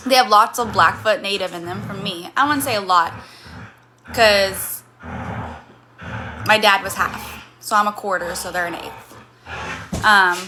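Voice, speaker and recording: Rambling through replies to chat comments, a Missouri woman in her thirties chats casually on a livestream with a slight local accent. Her voice is mid-range, and there's background noise in the recording.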